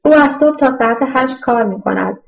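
A woman's voice: high voice, gravelly, faint music behind. A woman voicing a torn, emotional young married woman who speaks with urgent, raised pleas. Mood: hesitant. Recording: muffled lo-fi audio.

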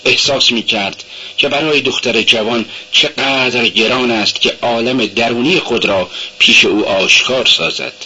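Bright-toned male audiobook narrator. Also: medium pitch. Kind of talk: scripted literary narration. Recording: dull lo-fi recording with faint hum.

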